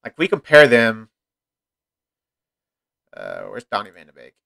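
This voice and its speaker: A man's voice: medium pitch, huge pitch swings, unhurried, vocal fry, pushed and bright. A young man chatting casually through a football management game, rambling and reacting to the match as he plays. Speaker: gaming commentator. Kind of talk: casual let's-play commentary.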